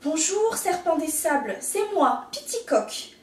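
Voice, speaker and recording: A woman's voice: very high-pitched, big pitch swings, takes it slowly, recorded from a distance, voice pushed up, heavily acted. A woman voicing a brave, cheerful little rooster in a storybook, speaking in an eager, friendly way, in an echoey room.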